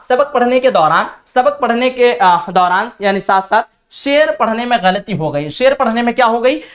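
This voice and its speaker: A woman teaching a literature lesson. She explains the text line by line, asks the class questions and answers them herself. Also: on the high side. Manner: explains words by repeating the text slowly. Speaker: Urdu teacher.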